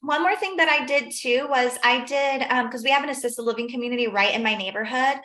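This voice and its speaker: A woman's voice: sits high, fairly quick, pushed and bright. A woman realtor giving casual advice on a video call, animatedly telling stories and acting out small conversations. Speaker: realtor sharing tips. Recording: roomy, echoing video call audio.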